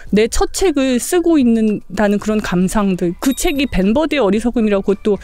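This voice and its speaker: A woman's voice: a little high, expressive, fairly quick, mellow. A woman in her forties, a literary translator, explaining her work at length and with care as a podcast guest. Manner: thoughtful, explains at length, laughs lightly. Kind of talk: podcast interview.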